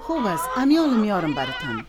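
A woman's voice: medium pitch, huge pitch swings, background noise. A woman with an Afghan Dari accent, acting in a radio drama as a hospitable wife who is eager to hear a story. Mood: welcoming. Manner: welcoming and eager. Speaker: wife hosting a guest.

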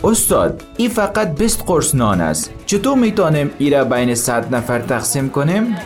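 A man's voice: on the high side, big pitch swings, soft background music. A man voicing an anxious young male disciple. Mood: worried.

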